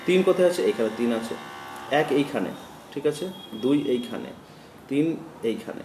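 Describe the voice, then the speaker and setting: A primary school teacher leads a children's lesson on counting and letters, chanting drills and counting aloud slowly. His medium-pitched voice has lively intonation. He sounds distant in an echoey room, with faint ambient noise.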